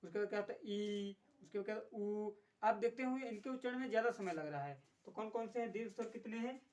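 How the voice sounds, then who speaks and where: A man teaching an exam-prep grammar lesson who asks a question, then answers it himself, repeating key terms and pausing on frequent filler sounds. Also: sits high, a little mellow.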